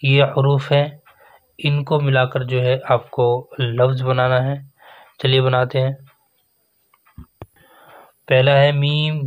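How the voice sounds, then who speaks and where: A man teaching a children's Urdu writing lesson, naming each letter slowly and repeating it as he writes. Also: mid-range voice. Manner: slow, repeats letter names and "theek hai" while writing. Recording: dull lo-fi sound.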